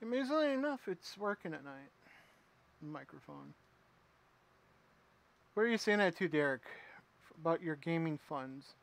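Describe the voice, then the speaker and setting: A man streaming himself playing a retro game, chatting with viewers and reacting out loud as he plays. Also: fairly high pitch, animated, brisk. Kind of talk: casual live gameplay commentary.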